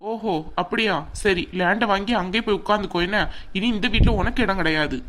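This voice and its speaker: A woman voicing a stern, quick-tempered middle-aged father in a cartoon, speaking harshly and commanding. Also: mid-range voice, fairly bright tone, a little hiss or hum, natural voice. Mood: angry. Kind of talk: cartoon voice acting.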